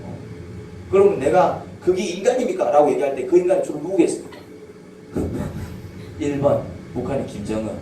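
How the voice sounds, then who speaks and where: A male pastor preaching a sermon to his congregation, asking them questions and drawing spoken replies. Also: a little high. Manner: asks the congregation questions and draws call-and-response replies. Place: church sanctuary. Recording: echoey church hall, distant mic, background noise.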